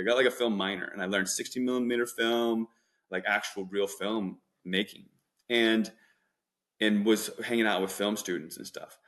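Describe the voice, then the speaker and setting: A man's voice: lowish voice, a bit bright. A man in his thirties, a documentary filmmaker guest, telling long casual stories full of "like" fillers and acted-out quotes. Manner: chatty, lots of "like" fillers, acts out quotes. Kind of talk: casual rambling storytelling.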